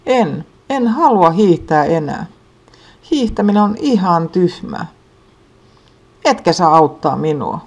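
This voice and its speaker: A woman reading a children's story, voicing a stubborn little sister with a raised, shrill voice. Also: lively intonation, pauses often, darkish tone. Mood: defiant. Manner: shrill, demanding, sulky. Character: stubborn little girl on skis.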